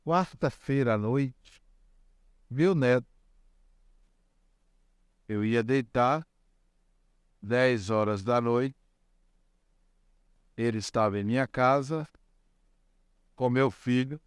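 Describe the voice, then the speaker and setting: Slow, deliberate older man lecturing. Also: medium pitch, clean tone, dry recording, clean studio sound. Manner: slow, deliberate, repeats key words for emphasis. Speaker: spiritist lecturer. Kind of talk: religious lecture.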